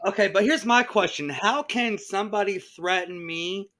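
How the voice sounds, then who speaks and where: A man hosting a wrestling talk show in a casual, halting, hesitant way. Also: sits high, bright, forceful tone. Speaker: host.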